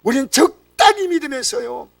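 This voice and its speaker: High-voiced Korean pastor preaching passionately. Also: male voice, lively intonation, moderate pace, gravelly, dry recording, recorded from a distance. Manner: impassioned preaching, swinging between loud cries and near-whispers. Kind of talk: sermon.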